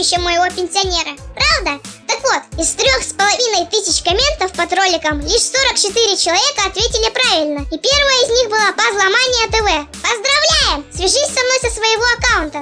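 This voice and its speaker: A performer voicing a cocky, playful young husky puppy as a cartoon dog narrating a vlog, in a pitched-up voice. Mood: chirpy, excited. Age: puppy under a year. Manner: cartoon dog voice, boastful, cutesy slang. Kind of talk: scripted vlog narration in character. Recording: music playing behind the voice.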